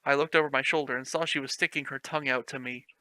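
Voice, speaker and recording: This man's fast, bright and forceful reading of fan fiction is played for laughs, hamming up the stiff prose and frequently bursting into laughter amid his commentary. His medium-pitched voice stays steady, and although there's no echo, the audio quality is poor.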